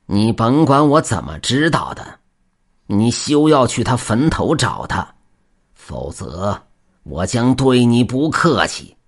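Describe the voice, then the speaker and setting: A man voicing a sinister old Taoist priest in an audio story, speaking slowly and menacingly with drawn-out words. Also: medium pitch, big pitch swings. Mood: impatient.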